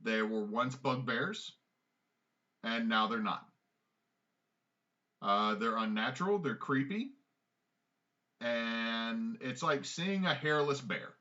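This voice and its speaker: A man narrating as game master of a tabletop game, in a relaxed way with fillers. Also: medium pitch, slow, pauses often. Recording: dull lo-fi mic.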